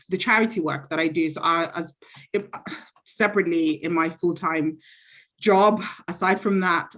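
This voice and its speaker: A woman from Zambia, around thirty, gives casual interview answers. Her voice sits on the low side and she comes across as chatty and sure of herself, often pausing to reflect. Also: fairly bright tone. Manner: chatty, self-assured, reflective. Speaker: interviewee, university graduate.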